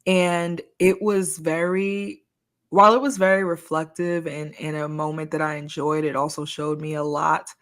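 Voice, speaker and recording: A woman co-hosting a podcast, in a lower voice than most, telling a personal story in easy conversation. Her delivery is animated, with a steady stream of "like" and laughs at her own past self. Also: moderate pace. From United States. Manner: animated storyteller, heavy use of "like", laughs at herself. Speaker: podcast co-host. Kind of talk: casual storytelling chat.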